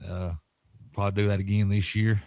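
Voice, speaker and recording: A man's voice: lowish voice, little pitch movement, brisk, a little mellow. Folksy, rambling male sports-podcast host. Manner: folksy, rambling, lots of fillers. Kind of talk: casual sports chat.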